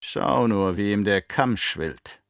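A man's voice: lowish voice, slow pace, creaky, no room sound, clean studio sound. A man voicing a cruel, scheming, obese baron who barks angry questions in an audiobook reading. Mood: sneering.

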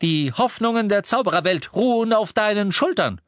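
A man's voice: sits high, animated, moderate pace, a bit bright, no echo, pitched above the performer's own voice. A man voicing a cheerful, slightly flustered wizard.

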